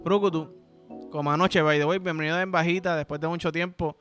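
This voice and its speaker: A man's voice: fairly high pitch, brisk, faint music behind. A Puerto Rican man hosting a podcast, telling crude comic stories full of swearing and mouth sound effects. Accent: Puerto Rican Spanish. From Puerto Rico. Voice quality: profane, animated storytelling with sound effects. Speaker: podcast host. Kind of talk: crude comedic monologue.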